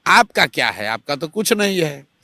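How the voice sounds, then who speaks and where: A man with a Bihari Hindi accent argues his side in a political interview, emphatic and full of rhetorical questions. His voice is bright and forceful, pitched a little high, and recorded dry and close. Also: big pitch swings, normal speed, no echo. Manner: emphatic, rhetorical, quotes others in mock dialogue. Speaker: party spokesman interviewed. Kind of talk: animated political argument. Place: Patna, Bihar.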